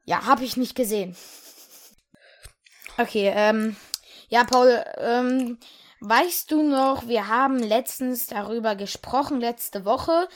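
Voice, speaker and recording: A woman's voice: fairly high pitch, takes it slowly. A woman playing a fussy, flustered schoolteacher who hesitates a lot, in a comedic role-play sketch. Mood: flustered, stern. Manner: hesitant, lots of um and uh.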